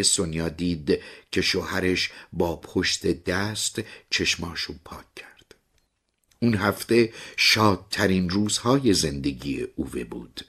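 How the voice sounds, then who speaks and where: A man narrating an audiobook in an expressive storytelling manner, with a husky voice. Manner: expressive storytelling with lively pitch swings.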